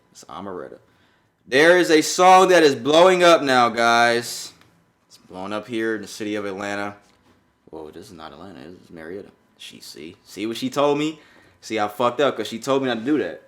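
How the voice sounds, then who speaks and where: A young Jamaican man raised in New York co-hosts a podcast, riffing on a viral song in loose, profane, casual chat. His voice is lowish and a little bright.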